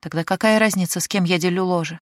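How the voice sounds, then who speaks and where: A woman's voice: lowish voice, fairly even intonation, quick pace, no room sound, clean studio sound, lightly acted. A woman voicing a capricious young noblewoman in an audiobook, with a demanding, sarcastic manner.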